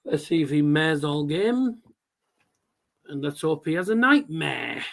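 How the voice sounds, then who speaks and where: A man hosts a casual darts watchalong in a bright, fairly high voice. He cannot pronounce his R's properly and takes his time over the calls. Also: very animated, a little slow, gravelly. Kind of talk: casual live match commentary.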